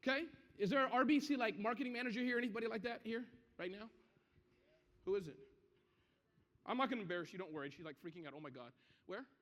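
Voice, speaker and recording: High-voiced, energetic male seminar presenter. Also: fast talker, long pauses. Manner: energetic, keeps checking in with the audience. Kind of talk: interactive business seminar talk. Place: seminar hall with a live audience. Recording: muffled, echoey hall.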